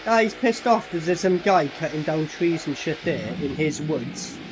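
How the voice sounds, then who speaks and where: A man's voice: fairly high pitch, lively intonation, normal speed, slight background noise. Sweary, sarcastic man reviewing films. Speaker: horror film reviewer reacting while watching. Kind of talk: casual mocking film commentary.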